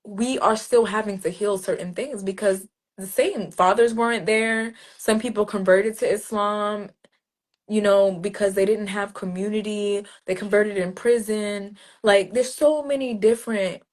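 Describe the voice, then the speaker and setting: A little slow and medium in pitch, a woman poet from New Jersey shares stories as an interview guest. She keeps it casual and spirited, voicing street greetings as different characters.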